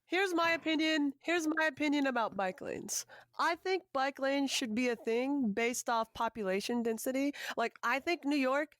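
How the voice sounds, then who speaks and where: A woman in her twenties co-hosting a casual podcast, animated and opinionated, swearing casually. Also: sits high, normal speed, dry recording. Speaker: podcast co-host.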